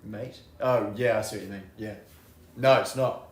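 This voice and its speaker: A man's voice: fairly low pitch, fairly even intonation, normal speed, echoey room. A man giving casual race commentary with dry, teasing banter.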